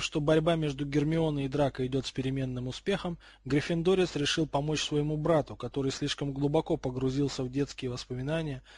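A man reads a storybook aloud in a steady, expressive way. His voice is fairly high and husky. The recording is dry and close, with no room sound. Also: no echo. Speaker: audiobook reader. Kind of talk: storybook narration.

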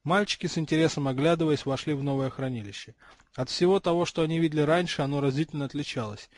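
A man reading a fantasy audiobook aloud, with steady, expressive storytelling. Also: on the high side, quick pace, no echo. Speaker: audiobook reader. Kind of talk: audiobook narration.

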